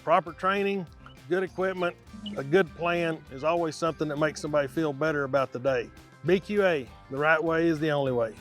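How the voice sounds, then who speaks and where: A man's voice: fairly high pitch, a little fast, faint music behind. A man explaining things in an interview as a livestock industry expert.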